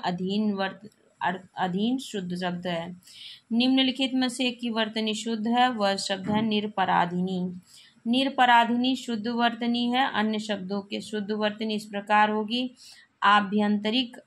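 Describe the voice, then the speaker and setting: A woman teaching Hindi grammar, reading out exam spelling questions and explaining the correct forms, often repeating them with the odd cough. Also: medium pitch.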